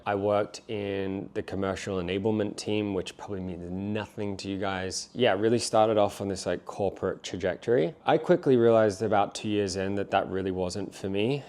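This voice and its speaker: Deep-voiced man with a stuffy nose. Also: a little mellow. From Australia. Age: 20s. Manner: candid, reflective, with frequent fillers. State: nasal from a cold. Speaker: vlogger. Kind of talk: casual vlog storytelling.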